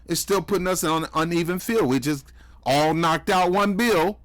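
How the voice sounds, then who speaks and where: Male commentary host, slightly high voice, preachy and mocking. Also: normal speed, fairly bright tone. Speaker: commentary host reacting to clips. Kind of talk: heated political commentary.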